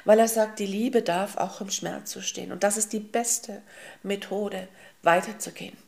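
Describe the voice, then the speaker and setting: A woman with a gravelly, creaky voice delivers a spiritual teaching as a slow, emphatic parable. Her pitch sits in an ordinary middle range. She addresses her listeners tenderly as souls and beloved ones, pausing with soft hums between thoughts. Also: fairly even intonation.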